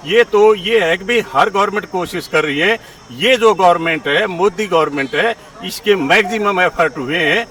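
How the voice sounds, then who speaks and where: A man's voice: high voice, moderate pace, few pauses, a bit bright, a little hiss or hum. A man, explaining his opinions in a street interview, peppering his speech with English terms and a repeated filler phrase. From India. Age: 70s. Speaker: interviewee giving political opinions. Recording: distant mic, outdoor street recording.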